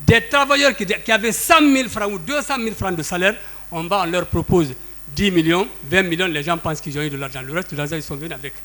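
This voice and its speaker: A man testifying in court, his voice sitting high. He pushes back hard, talks over the questioner and sounds a bit short of breath. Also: quick pace, sharp tone. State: slightly out of breath. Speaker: trade union leader testifying in court.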